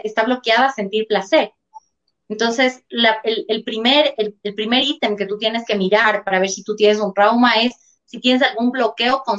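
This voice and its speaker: A woman, a talk-show guest earnestly explaining, often checking in with rhetorical questions. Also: fairly high pitch. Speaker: guest speaker on emotions and trauma. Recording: dull lo-fi sound.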